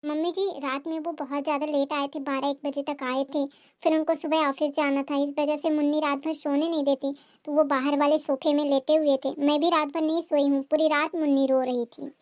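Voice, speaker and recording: Cartoon daughter-in-law, young mother, weary and pleading, voiced by a woman; high, dry sound. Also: level tone, a little fast, darkish tone, dry recording, lightly acted. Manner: pleading, explaining. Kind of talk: cartoon family drama voicing.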